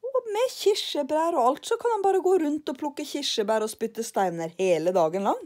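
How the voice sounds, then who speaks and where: Older woman doing a brash cocky little man, storybook reading, warm, lively delivery. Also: high-pitched, pitched above the performer's own voice. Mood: smug. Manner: brash, self-satisfied, shrugging off worries. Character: boastful carefree little man, loud and cocky.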